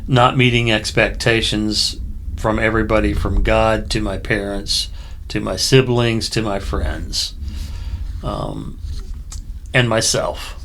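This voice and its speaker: Gravelly, reflective middle-aged man. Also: fairly low pitch, fairly even intonation, a bit bright, slight background noise. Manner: thoughtful, reflective, unhurried with fillers. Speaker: co-host. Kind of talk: casual podcast conversation.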